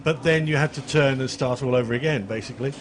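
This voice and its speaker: A man's voice: medium pitch, fast talker. A man doing live race commentary in a chatty, jokey way, describing boats he watches out the window.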